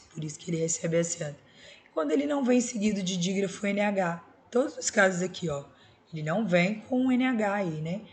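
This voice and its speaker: A Brazilian woman teaching a Portuguese class, explaining grammar rules step by step and checking in with her students. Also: lowish voice. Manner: explains step by step with tag questions. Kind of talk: recorded school video lesson.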